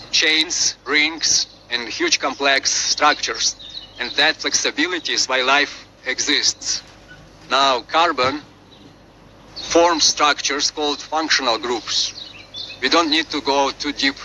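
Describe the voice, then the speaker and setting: A man with a Slavic accent reading out a lesson as presenter, haltingly, often repeating and correcting his words. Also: medium pitch, bright, forceful tone, slight background noise, rough recording. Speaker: presenter of a chemistry refresher. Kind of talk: lesson read from on-screen script with asides.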